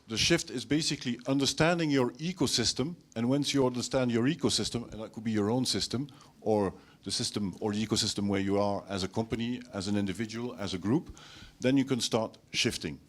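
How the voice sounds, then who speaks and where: A man moderating a conference panel, enthusiastic and rambling. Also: mid-range voice.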